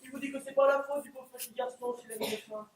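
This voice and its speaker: A teenage boy in an amateur stage play, acting a crude, hot-headed, bigoted male juror who rants and shouts. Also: very high voice, steady tone, very fast, slight background noise. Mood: angry. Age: teens. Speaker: student actor. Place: theatre stage, live performance. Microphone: distant room mic. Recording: echoey theatre from far off.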